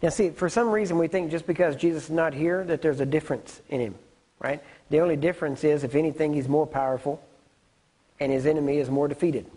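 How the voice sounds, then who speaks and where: A man teaches a sermon in an easy, conversational way and keeps checking whether his listeners follow him. His voice sits a little high and has a husky edge. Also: quick pace, dark tone, low-quality recording. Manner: conversational, keeps checking in with "right?" and "you see what I'm saying?". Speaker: preacher.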